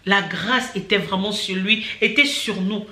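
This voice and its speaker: A young woman telling her own story as a personal testimony, animated and often restarting her sentences, invoking God as she goes. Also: mid-range voice, a little slow. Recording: echoey room.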